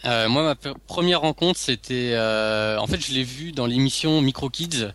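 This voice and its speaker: A man on a casual gaming podcast, speaking quietly and hesitantly with many fillers. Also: mid-range voice, moderate pace, clear, resonant tone. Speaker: podcast guest.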